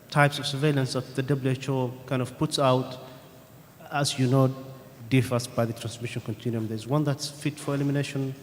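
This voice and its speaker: A man on a conference panel answering audience questions in a measured, thoughtful way, pausing with "um" between points. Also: mid-range voice. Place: conference hall. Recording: reverberant conference hall, faint room noise.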